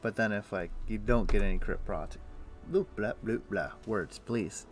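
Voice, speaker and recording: A man streaming a video game talks casually at a moderate pace in a fairly low voice, thinking aloud and using plenty of fillers. Faint, soft game music can be heard in the background.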